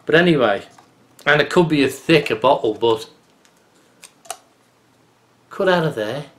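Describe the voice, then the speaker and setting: A folksy bushcraft channel host in his fifties shares a casual tip via the webcam on his home office desk, chatting and muttering while he carves. He speaks at a fairly high pitch, expressive and unhurried.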